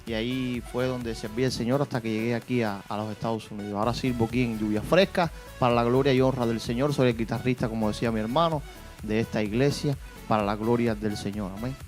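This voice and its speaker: A man's voice: mid-range voice, steady tone, fast, soft background music. A man from Cuba, a church guitarist answering interview questions in a devout manner. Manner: devout, peppers speech with "amén" and "para la gloria del Señor".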